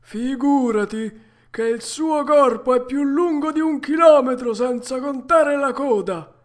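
Woman putting on a cracked, slow old tuna. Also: high-pitched, voice pushed up. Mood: philosophical. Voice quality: harsh cracked voice. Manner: slow, grave and sententious. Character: resigned philosophical old male tuna. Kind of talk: storybook reading.

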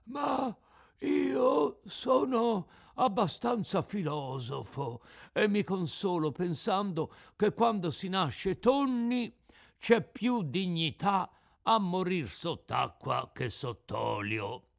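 A man's voice: high-pitched, big pitch swings, slow pace, gravelly, voice pushed up, exaggerated voice. A man voicing a resigned, philosophical old male tuna with a cracked, out-of-tune voice, in an audiobook reading. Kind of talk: audiobook character voice.

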